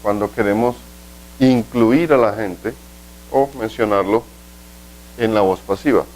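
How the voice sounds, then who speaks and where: A man teaching an English grammar lesson in a video, explaining step by step, asking the class rhetorical questions, and slowing down to say example sentences carefully. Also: fairly low pitch, darkish tone, poor audio.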